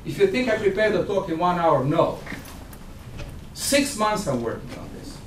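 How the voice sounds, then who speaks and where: A Croatian man in his sixties delivers an emphatic, provocative keynote in Croatian-accented English, pacing and gesturing across the stage of a large conference hall. His voice sits high and sing-song at a normal speed, with a little hiss or hum. The recording is echoey and captured from far off.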